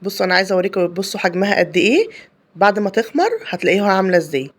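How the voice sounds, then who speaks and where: A woman's voice: mid-range voice, lively intonation, racing. A woman with an Egyptian Arabic accent hosting a home cooking video. She explains each step in a chatty way, with many fillers and restarts. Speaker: home cooking channel host. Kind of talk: casual cooking tutorial voice-over.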